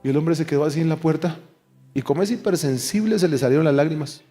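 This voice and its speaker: Pastor, man, fairly high voice, emphatic pulpit delivery, faint music under. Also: fast. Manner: emphatic, animated preaching with call-and-response. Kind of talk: sermon. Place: church service.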